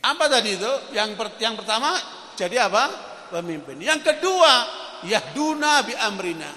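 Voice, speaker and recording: A man's voice: sits high, sing-song, normal speed, sharp tone. A man preaching a dawn sermon in a mosque, asking the congregation questions and acting out quoted voices. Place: mosque hall. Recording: echoey mosque hall reverb.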